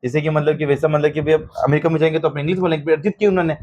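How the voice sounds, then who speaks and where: A man's voice: on the high side, level tone, rapid-fire, a little mellow, muffled recording. A man teaching an exam-prep lesson, constantly checking understanding with short questions and calling students "beta". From Rajasthan.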